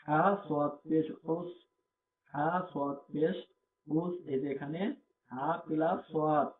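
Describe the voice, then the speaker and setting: A man's voice: a little high, flat delivery, unhurried. A man teaching Quran reading, spelling out each letter and vowel mark, then repeating the joined sound. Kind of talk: slow spelled-out recitation lesson. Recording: tinny phone-like audio with faint hum.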